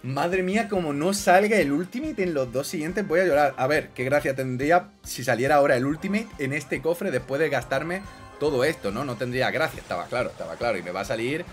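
A young man with a Spain Spanish accent doing animated gameplay commentary, exclaiming and joking with his viewers. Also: on the high side. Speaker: gaming youtuber.

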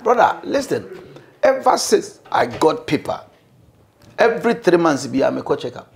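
A middle-aged Ghanaian man, a bishop, talking as an interview guest in a room, mixing English and Twi, animated and preacherly. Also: fairly high pitch, moderate pace, gravelly. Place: indoor living room, seated on sofa.

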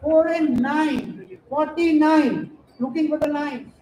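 High-pitched Indian male bingo caller. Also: slow pace, a little hiss or hum. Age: middle-aged. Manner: singsong announcing, numbers called digit by digit. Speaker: bingo caller at a Diwali party. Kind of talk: bingo calling over a microphone, drawn-out numbers and rhyming nicknames. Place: outdoor evening party in front of a stage. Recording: echoey event PA with loud music behind.

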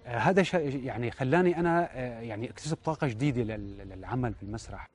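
A man with a Syrian Arabic accent, a playwright and theatre director, talking reflectively in an interview with many hesitant pauses. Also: medium pitch, darkish tone, faint music behind.

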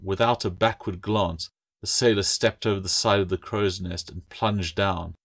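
A man, the author, reading his own fantasy novel aloud in steady, measured audiobook narration. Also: sits low, gravelly.

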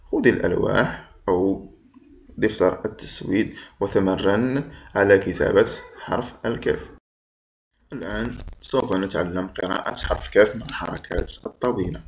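A man teaching first-graders to read, sounding out syllables patiently and pausing for them to repeat. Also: lowish voice. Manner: patient, drawn-out, repeats sounds for pupils to echo. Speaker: primary school teacher. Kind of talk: slow syllable-by-syllable reading lesson. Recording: dull lo-fi recording.

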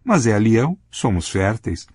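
Brief: narrator as an earnest grown man, low and husky. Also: big pitch swings, moderate pace, a little mellow, no room sound, clean studio sound.

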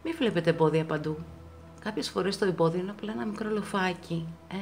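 A woman giving a pick-a-card tarot reading to her viewers, reassuring them and repeating words for emphasis, her pitch swinging up often. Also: vocal fry, soft background music.

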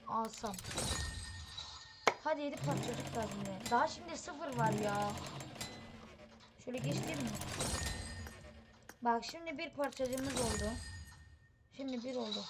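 A woman hosting a gaming channel, giving excited, impatient commentary on a mobile game. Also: sits high. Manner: excitable, impatient, chatty exclamations. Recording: steady background noise.

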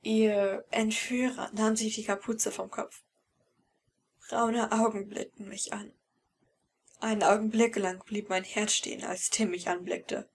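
A woman's voice: mid-range voice, level tone, a little slow. A woman reading a fan-fiction audiobook in first person, with emotional, tense storytelling. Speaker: audiobook reader.

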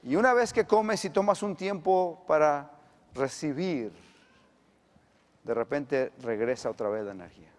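A middle-aged male pastor, preaching emphatically and swinging between loud and hushed delivery. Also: a little high, measured pace, big-room sound. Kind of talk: sermon.

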